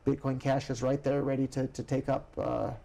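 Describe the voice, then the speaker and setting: A man hosting a casual news chat show who talks in an animated, opinionated way and slips into rants. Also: mid-range voice, normal speed, vocal fry. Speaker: show host.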